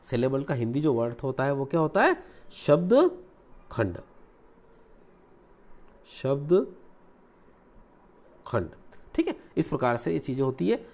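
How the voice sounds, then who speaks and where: Lively Hindi-speaking grammar teacher, man. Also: mid-range voice. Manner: explains in Hindi, mixing English terms, repeats key words slowly; lively teacherly delivery, asks and answers own questions. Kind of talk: Hindi-English grammar lesson.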